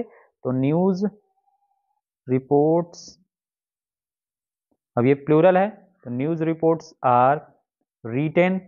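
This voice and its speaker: A man teaching an exam-prep grammar lesson, explaining step by step and repeating his own questions as he writes out the examples. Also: a little high. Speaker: English teacher. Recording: dull lo-fi lesson recording.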